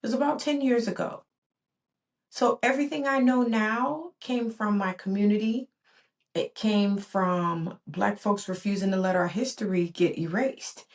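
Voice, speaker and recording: A woman in her forties, born in Barbados and raised in the US, hosts a reflective solo podcast in a mid-range voice and an unhurried pace. She speaks earnestly and rhythmically, repeating phrases for emphasis.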